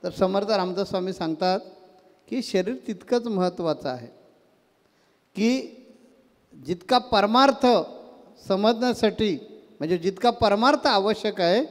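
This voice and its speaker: A man delivers a devotional sermon in an unusually high voice, telling stories with animation. He fires rhetorical questions at the listeners as he teaches. His voice rings out with a long reverb, as in a large hall. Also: measured pace, long pauses. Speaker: spiritual teacher giving a discourse.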